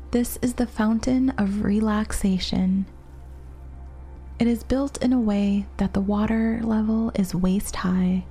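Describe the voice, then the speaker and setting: Over gentle music, a woman with a soft, breathy, mellow mid-range voice guides listeners through a relaxation meditation. Her delivery is soothing, and she lets long pauses fall between each phrase.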